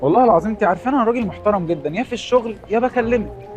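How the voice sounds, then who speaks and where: A man's voice: high voice, animated, racing, faint music behind. An actor playing a married man in a TV comedy, with an Egyptian Arabic accent, flirting on the phone and dodging questions. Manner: smooth-talking, evasive and flirty. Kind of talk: TV comedy series acting.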